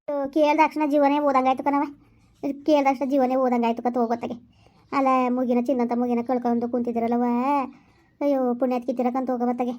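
Fast high-pitched village woman lamenting and scolding her family, rural family drama feel, a woman acting it. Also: dull audio, close to an everyday voice.

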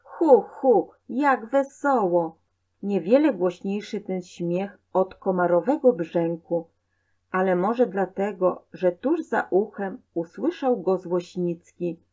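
A woman reading a children's story aloud in a clear, measured way. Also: lowish voice, warm tone. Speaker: narrator.

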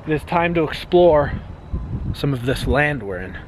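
A young man narrating an outdoor vlog with mock-dramatic flair, his pitch rising and falling freely. His voice sits mid-range, and clear outdoor noise runs under it. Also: animated, normal speed. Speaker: vlogger. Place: outdoors by a lake.

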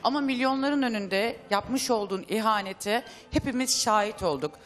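A woman's voice: on the high side, normal speed. A woman guest on a talk show lecturing and accusing another guest. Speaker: studio guest. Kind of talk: heated talk show confrontation.

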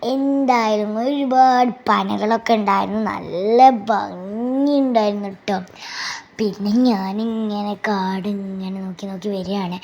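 A woman with a Kerala Malayali accent gives a casual, chatty travel vlog voice-over, mixing English words into Malayalam and often addressing viewers. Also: mid-range voice. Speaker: vlogger.

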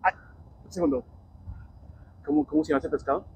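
A man's voice: a little high, a little fast, a little mellow, a little hiss or hum, low-quality recording. A man passing by on an outdoor pier who makes polite, curious small talk and asks lots of questions. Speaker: passerby.

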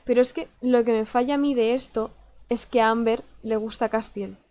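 A young woman, chatting casually through a game playthrough. Her voice sits a little high, and she sounds animated and loose, swearing as she goes. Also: normal speed. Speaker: gaming YouTuber. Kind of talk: let's play commentary.

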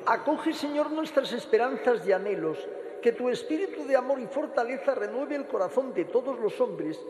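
A man's voice: extremely high pitch, expressive, normal speed, a little mellow. A man, the priest at Mass, preaching and praying in an earnest pastoral manner, with a cathedral echo around his voice. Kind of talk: homily and liturgical prayers. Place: large church. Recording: echoey church with long reverb.

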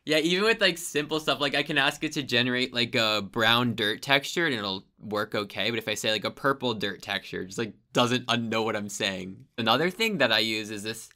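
A young game developer and YouTuber chatting casually as a podcast guest, saying "like" constantly. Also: male voice, medium pitch, lively intonation, brisk, few pauses, sharp tone. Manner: loose and filler-heavy, says "like" constantly. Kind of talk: casual chat.

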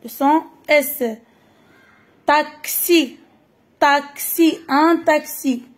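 Woman, Moroccan accent, Arabic native, children's phonics teacher, high voice, slow and repetitive. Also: steady tone. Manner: slow, repeats each word carefully. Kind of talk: French phonics lesson for children.

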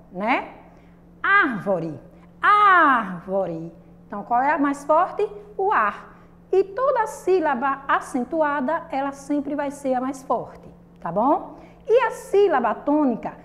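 A woman teaching a primary school lesson to children with a Brazilian Portuguese accent, patient and repetitive, asking the class questions and drawing out syllables. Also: high-pitched. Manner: patient, repeats and asks the class questions, drawn-out sung syllables.

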